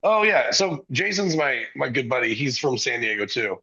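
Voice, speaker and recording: A man co-hosting a casual podcast, asking short questions and dropping quick acknowledgements. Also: mid-range voice, big pitch swings, bright, forceful tone, breathy edge. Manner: asks short questions, many brief acknowledgements. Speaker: podcast co-host. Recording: dull lo-fi sound.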